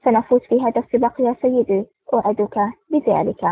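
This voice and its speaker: A woman's voice: on the high side, fairly even intonation, quick pace, husky, no room sound. A woman voicing a stern, terse male intelligence officer in an audiobook, with a curt, dry delivery. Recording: tinny phone-like sound.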